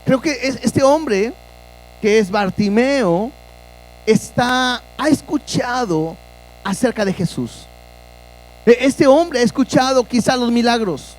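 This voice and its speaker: A man's voice: very high voice, expressive, takes it slowly, poor audio. A man preaching a sermon as pastor, earnest and asking his listeners direct questions.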